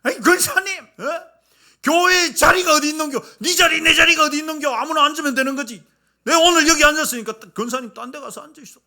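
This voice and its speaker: Pastor doing a quick-tempered deacon, high, sharp and blunt. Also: male voice, heavily acted. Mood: irritated. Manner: loud, snappish, blunt. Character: grumpy male church deacon, quick to anger.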